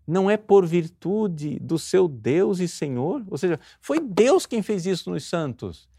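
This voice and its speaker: Man, Brazilian Portuguese accent, preacher, fervent sermon, rhetorical questions, gravelly, dry. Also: high-pitched, big pitch swings, dark tone, no echo. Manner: reads quoted passages slowly and solemnly. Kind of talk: sermon explaining a spiritual classic.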